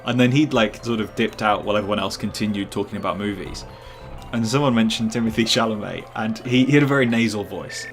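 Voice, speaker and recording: A man's voice: lowish voice, fast talker, faint music behind. A man streaming live gameplay who rambles, jokes and chats with his viewers. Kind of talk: casual live gameplay commentary.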